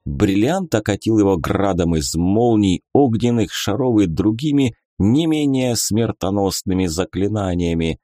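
A man narrating a fantasy audiobook in a measured, expressive way. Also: on the low side, no room sound, studio quality.

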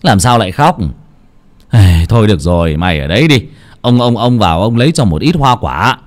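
A man playing a gruff village man who scolds loudly, in an audio storybook. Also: lowish voice, wildly swooping pitch, normal speed. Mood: scolding. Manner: gruff, shouting when scolding.

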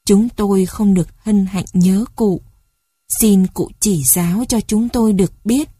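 A woman's voice: mid-range voice, measured pace, warm tone, breathy edge, no room sound, studio quality. A woman voicing a polite young male schoolteacher who speaks formally and deferentially to an elder. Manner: deferential, courteous.

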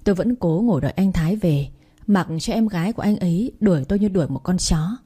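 A woman's voice: on the low side, lively intonation, fast, warm tone, breathy edge. A young woman from Thanh Hóa narrating a sad story in the first person, in a plaintive, emotional way. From Thanh Hóa, Vietnam.

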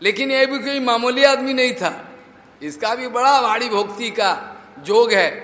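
A man's voice: high-pitched, bright, forceful tone. A man, a monk preacher, telling a devotional story as a sermon, checking in with his listeners through rhetorical questions and mixing in English words. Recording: echoey hall reverb.

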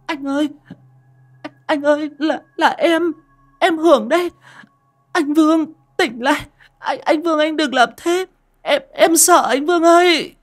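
A man's voice: very high voice, unhurried, pitched above the performer's own voice. A man voicing a frightened young girl who cries and pleads. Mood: tearful. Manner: crying, pleading.

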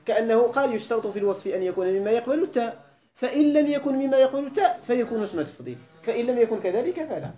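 A man's voice: extremely high pitch, expressive, very fast, mellow, echoey room. A man with a Moroccan accent giving a grammar lecture, often checking that his students follow. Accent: Moroccan Arabic. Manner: quizzes students with repeated questions. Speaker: teacher of Arabic grammar. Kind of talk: classroom lecture. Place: lesson hall.

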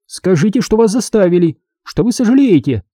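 A man reading an audiobook and voicing a scheming, easily flustered wealthy woman who turns shrill and indignant. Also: big pitch swings, brisk, warm tone, dry recording, clean studio sound. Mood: commanding. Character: anxious scheming wealthy middle-aged woman.

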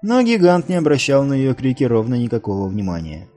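A man narrating a fantasy novel as an audiobook reader, in a measured storytelling manner. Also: mid-range voice, huge pitch swings, warm tone, soft background music.

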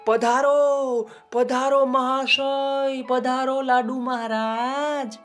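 A man doing a sly, flattering pot-bellied man. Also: soft background music, exaggerated voice. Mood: welcoming. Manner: flattering, high drawn-out welcomes.

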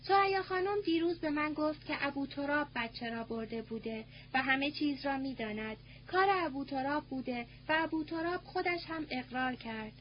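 Audiobook: woman voicing a stubborn, weary young man, quiet and earnest, high voice, muffled tape with a faint hum. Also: expressive, hardly any pauses. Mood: insistent.

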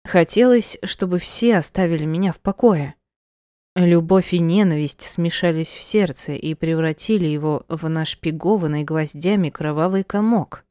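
Woman narrating with a low, mellow voice. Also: moderate pace, smooth, dry recording, studio quality. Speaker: audiobook narrator. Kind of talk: first-person audiobook narration.

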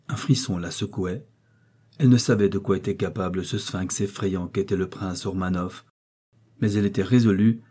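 An audiobook narrator reads a classic novel aloud from a script, keeping a measured, even storytelling pace. His voice sits on the low side and sounds slightly rough.

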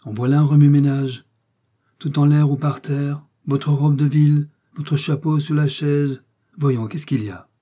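A man reading the lines of a fussy old woman who dresses circus performers, exclaiming excitedly. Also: medium pitch, moderate pace, husky, natural voice. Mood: flustered.

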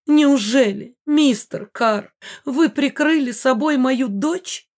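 A woman reading an audiobook, voicing a fussy, excitable noblewoman mother in a high, loud, drawn-out voice.

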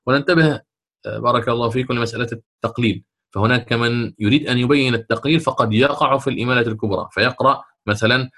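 A male teacher at a middle pitch walks students through recitation rules in a patient lesson. He stretches each recited example slowly and melodically, then goes back to plain explanation and checks his students' understanding. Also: bright, forceful tone. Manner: asks check questions of students. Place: lesson recorded for an online institute.

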